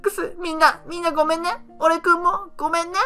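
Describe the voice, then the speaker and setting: A man's voice: extremely high pitch, steady tone, rapid-fire, pushed and bright, faint music behind, voice pushed up. A man voicing a tearful, clingy young woman girlfriend in a dating game, whimpering and pleading. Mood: sobbing. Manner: whimpering, sobbing pleas.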